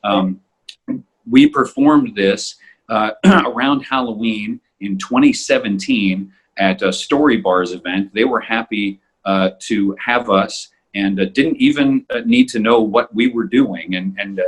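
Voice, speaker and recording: A man hosting a podcast gives a casual introduction haltingly, often repeating himself while searching for words. His voice is lowish and slightly rough, and the audio is poor.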